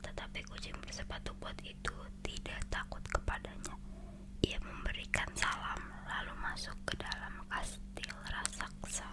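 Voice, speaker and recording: Hushed ASMR storyteller with an Indonesian accent, whispering. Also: moderate pace. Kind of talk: whispered ASMR storytelling, reading fairy tales aloud.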